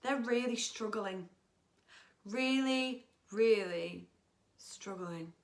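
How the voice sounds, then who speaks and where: A woman's voice: medium pitch, extremely slow. An actress playing a chatty, self-absorbed young woman who has just left home, talking a theatrical monologue with dramatic swings. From England. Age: young adult. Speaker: actor in a monologue.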